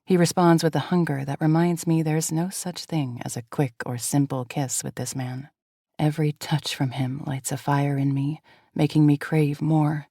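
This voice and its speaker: Woman reading a romance audiobook, mellow dark voice, soft near-whispery delivery. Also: sits low, little pitch movement, normal speed, dry recording, studio quality. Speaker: audiobook narrator. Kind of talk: scripted first-person narration.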